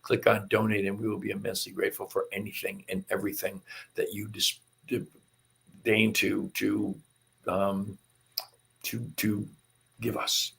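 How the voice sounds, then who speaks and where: A man hosting a spiritual talk show, speaking gently and earnestly with many fillers and restarts. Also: lowish voice, level tone, a little slow, creaky. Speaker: host.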